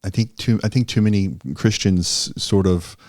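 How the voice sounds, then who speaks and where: A man's voice: lowish voice, fairly even intonation, moderate pace, darkish tone, dry recording, studio quality. A man who produces podcasts, joining the discussion in a casual, conversational way with a few restarts.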